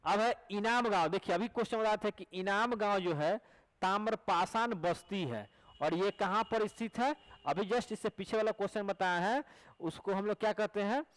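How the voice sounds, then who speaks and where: High-voiced Bihari teacher drilling exam answers. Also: male voice, moderate pace, fairly bright tone, low-quality recording. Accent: Bihari Hindi. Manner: repeats each question and answer back to students; coaxing, asks rhetorical questions to check recall. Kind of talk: exam prep lecture.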